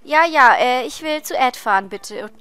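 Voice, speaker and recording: Female let's-play host, high and bright, reads game text aloud and grumbles. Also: expressive, moderate pace, faint music behind. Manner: reads game dialogue aloud, chatty and frustrated. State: tired voice. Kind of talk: casual gameplay commentary.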